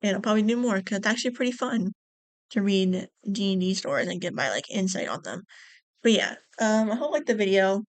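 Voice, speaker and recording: A woman's voice: mid-range voice, lively intonation, a little fast, no echo. A young woman reading tabletop game stories for her channel, earnestly scolding and repeating herself in casual vlog commentary. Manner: earnest, repetitive scolding, fillers.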